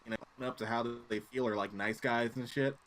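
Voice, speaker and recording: Wry, joking podcast co-host, late twenties. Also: male voice, medium pitch, steady tone, quick pace, a bit bright. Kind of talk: casual chat.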